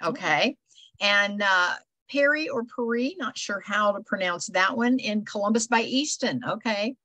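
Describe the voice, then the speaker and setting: A woman's voice: medium pitch, measured pace, sharp tone, dry recording, rough recording. An older woman, hosting a casual video call meetup, chatty and rambling with lots of fillers. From Ohio. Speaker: host. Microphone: video call microphone.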